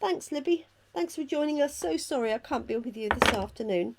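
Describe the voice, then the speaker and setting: A hoarse, croaky-voiced woman chattily talking through each step of a casual live craft tutorial as she works. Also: sits high, expressive, brisk, very noisy. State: hoarse from illness. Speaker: craft demonstrator hosting a live stream. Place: at a craft table indoors.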